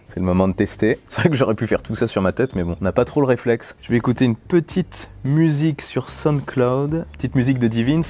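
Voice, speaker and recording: A man's voice: mid-range voice, a little mellow. A man with a French accent, chatting through a casual unboxing vlog outdoors next to a road, recorded on a lapel mic. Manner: chatty and playful, musing aloud. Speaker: tech vlogger.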